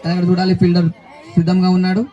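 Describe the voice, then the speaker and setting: High-pitched man calling live cricket. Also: monotone, very fast, mellow, dull audio. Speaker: cricket commentator. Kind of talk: live cricket play-by-play commentary. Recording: outdoor crowd noise, open-air ambience. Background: crowd and outdoor noise.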